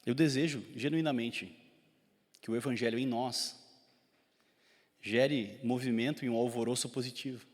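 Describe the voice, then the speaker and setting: A man's voice: mid-range voice, steady tone, moderate pace, pauses often. Gaucho pastor guy preaching, mid voice, gets fired up then drops back, echoey church. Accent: Gaúcho Brazilian Portuguese. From southern Brazil (Rio Grande do Sul). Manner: preaching with swells of intensity, asking the congregation questions. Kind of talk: sermon. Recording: long church hall reverb.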